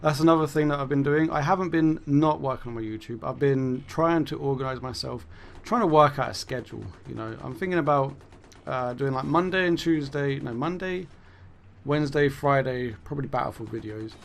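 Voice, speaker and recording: Here a man with a mid-range voice and vocal fry talks a little fast over a faint hiss or hum. In his casual gaming-YouTuber monologue he rambles, corrects himself, and swears before laughing about it. His voice is fading and worn, on its way out.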